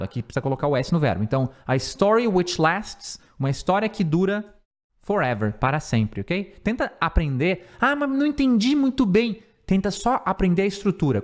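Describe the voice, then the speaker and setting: A man with a Brazilian Portuguese accent, an English teacher who explains grammar and repeats words slowly for pronunciation. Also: a little high.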